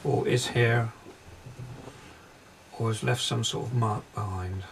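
A man working as a psychic medium, describing impressions in a halting, hesitant way inside a railway carriage during a paranormal investigation. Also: medium pitch, fairly even intonation, gravelly, background noise.

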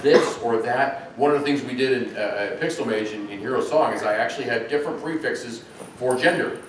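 A middle-aged man giving a chatty, animated conference talk on game design, with ums and uhs. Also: medium pitch. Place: large echoey conference hall. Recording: echoey hall, distant mic, faint noise.

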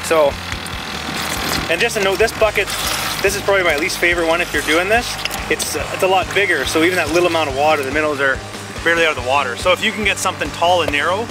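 A man in his thirties talks through a practical how-to out on the ice, his voice a touch higher than most men's. Music plays softly underneath. He walks through each step in an even, matter-of-fact way. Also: fast, low-quality recording. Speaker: fishing show host. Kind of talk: instructional explanation. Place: outdoors on a frozen lake.

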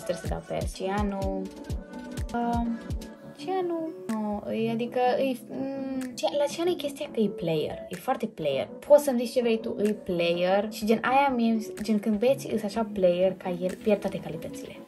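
A young woman, chatting casually and hesitantly as the host of her own vlog. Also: mid-range voice. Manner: chatty and hesitant, many fillers and self-corrections. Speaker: YouTuber host. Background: background music.

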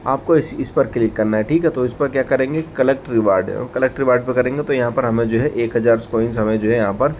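A man gives a relaxed, step-by-step voice-over for an app tutorial, padding his sentences with the same fillers again and again. His mid-pitched voice comes through slightly dull, lo-fi audio. A faint noise sits under the whole recording. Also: fast talker, hardly any pauses. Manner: repetitive fillers, frequent "ठीक है". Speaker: tech tutorial host. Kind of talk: casual screen-recorded app walkthrough.

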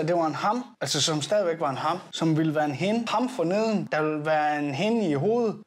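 A man's voice: on the high side, a little hiss or hum, natural voice. An actor playing a crude, boastful young party guy who rambles and keeps correcting himself in a comedic confessional monologue. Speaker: comic character recounting a trip.

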